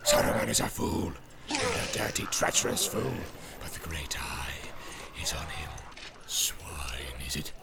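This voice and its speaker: A man voicing a sly, evil male orc messenger who speaks in a soft, sneering half-whisper. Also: extremely low pitch, wildly swooping pitch, unhurried, heavy background noise, voice pushed down, exaggerated voice.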